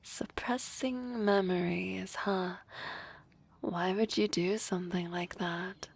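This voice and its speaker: A woman acts out a spirited young harpy classmate in an ASMR scene, whispering softly and teasing often. This time her voice is lowish and slow with vocal fry, delivered in a heavily acted, hurt mood.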